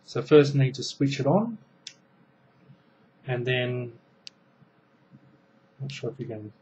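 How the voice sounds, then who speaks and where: A man's voice: mid-range voice, expressive, slow, darkish tone, highs cut off, slight background noise. A man in his thirties casually demonstrating a gadget at home, rambling with many ums and restarts while his hands are busy. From Australia. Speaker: product reviewer. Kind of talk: casual show-and-tell review. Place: small room indoors at home. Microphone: webcam mic at close range.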